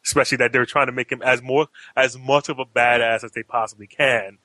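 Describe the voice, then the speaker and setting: Bright-voiced man hosting a podcast. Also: medium pitch, steady tone, brisk, dry recording, rough recording. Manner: rambling, asks the panel questions. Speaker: podcast host. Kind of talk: casual chat.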